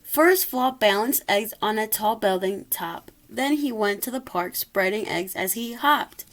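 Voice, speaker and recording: A woman's voice: mid-range voice, expressive, a little slow, slight background noise. A woman reading a rhyming children's story aloud expressively, occasionally stumbling over a word. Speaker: storybook reader.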